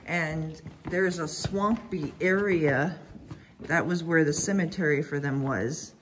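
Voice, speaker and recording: A woman's voice: low-pitched, takes it slowly. A woman visiting on a tour, chatting casually and recounting things in plain everyday words. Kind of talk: casual chat. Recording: faint background noise.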